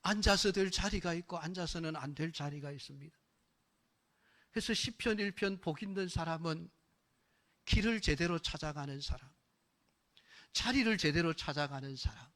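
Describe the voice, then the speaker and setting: A pastor with a fairly high voice, preaching a sermon to the congregation. He keeps asking rhetorical questions to pull the listeners in. Now and then he pushes his voice up sharply on key phrases to stress them. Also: normal speed, pauses often, fairly bright tone. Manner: emphatic, rising in force on key phrases.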